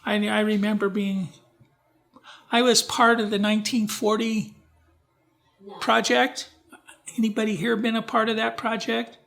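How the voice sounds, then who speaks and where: In a library event room, a man gives an informal genealogy talk with slides, halting, restarting his sentences and putting questions to the audience. His voice sits high and a bit bright, with a flat delivery and vocal fry.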